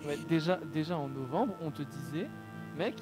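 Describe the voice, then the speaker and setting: Joking man in fast banter. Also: fairly high pitch. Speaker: stream co-host. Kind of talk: casual live stream chat. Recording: faint music in background.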